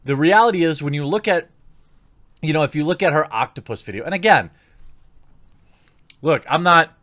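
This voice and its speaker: Animated and sarcastic, a man offers critical, casual opinions as a YouTube commentator, speaking at a moderate pace in a higher, fairly bright voice. He is captured on a close mic, with no echo.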